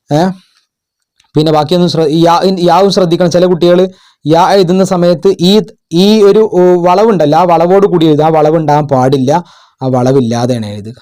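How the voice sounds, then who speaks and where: A man tutoring children and parents, going through exam questions in a patient way, asking questions and repeating words slowly. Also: fairly high pitch, mellow. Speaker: madrasa tutor. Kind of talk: explaining exam answers.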